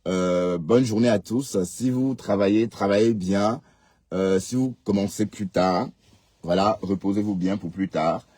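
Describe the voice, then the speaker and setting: A man's voice: on the low side, a little slow, warm tone, dry recording. A man hosting a casual live stream, reading comments and scolding viewers with rhetorical questions.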